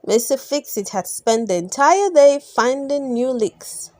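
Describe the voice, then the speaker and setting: This dry recording captures a high-pitched woman narrating a bedtime story for children. She draws out important words with feeling, lets out gasps and sighs, and puts questions to the little ones listening, like a storybook reader would.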